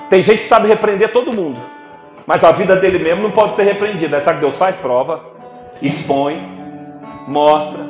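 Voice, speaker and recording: A man preaching a sermon, telling stories with humor and calling on the congregation to respond. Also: high-pitched. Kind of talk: sermon with storytelling. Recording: echoey church hall.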